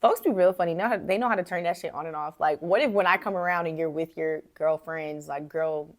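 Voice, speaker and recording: Young southern woman, lowish voice, animated, laughs a lot, casual podcast talk. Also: a little fast. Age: young adult. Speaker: podcast co-host. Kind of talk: casual chat.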